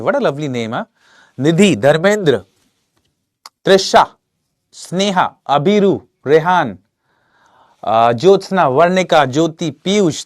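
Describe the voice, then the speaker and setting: Male online teacher, slightly high voice, throat a bit rough from a cold, chatty, dry close sound. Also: no echo. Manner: chatty, reads out viewer names and comments. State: sore throat with cough and cold. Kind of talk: live online class, Hindi-English mix.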